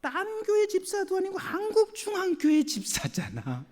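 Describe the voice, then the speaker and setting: A male pastor voicing the Holy Spirit as a low, quiet, scolding inner voice in his sermon. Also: big pitch swings, unhurried, creaky, husky, full character voice. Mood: admonishing. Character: gently scolding divine inner voice. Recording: long church hall reverb.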